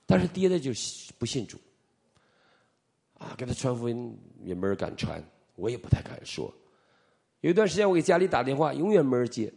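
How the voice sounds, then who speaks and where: A man's voice: mid-range voice, brisk, creaky. A middle-aged man from Northeast China, a preacher telling his testimony in a sermon and acting out the dialogue as he goes. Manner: animated storytelling, acting out dialogue.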